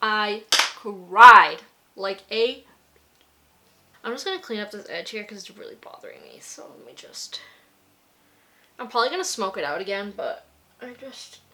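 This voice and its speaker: Young woman rambling on while she does her makeup, bright voice, lots of "like". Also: medium pitch, lively intonation, normal speed, long pauses. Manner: gushing, filler-heavy with frequent "like". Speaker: beauty vlogger. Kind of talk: casual chatty storytelling while doing makeup.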